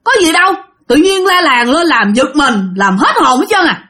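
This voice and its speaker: A woman's voice: sits high, very animated, normal speed, bright, forceful tone, pitched above the performer's own voice, exaggerated voice. A woman voicing a group of skeptical male workers teasing a friend. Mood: scoffing. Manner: teasing, scoffing. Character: mocking rough male workmates.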